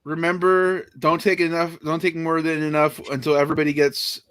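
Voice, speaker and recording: A man co-hosting a live stream, joking loudly and laughing as he riffs on a broadcast. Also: a little high, level tone, fairly quick, clear, resonant tone. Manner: loud, joking, laughs often. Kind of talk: casual commentary over a broadcast.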